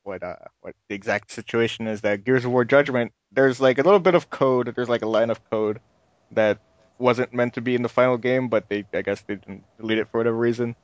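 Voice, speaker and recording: A man's voice: mid-range voice, brisk, no room sound, dull audio. A man co-hosting a casual video game chat show, laid-back and trailing off into shrugs. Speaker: podcast co-host.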